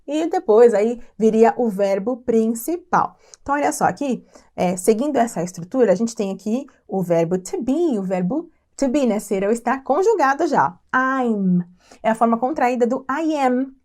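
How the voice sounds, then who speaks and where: Woman from Brazil, slightly high voice, English teacher walking through song lyrics, repeats phrases slowly and patiently. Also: lively intonation, a little mellow. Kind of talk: lyric-by-lyric language lesson.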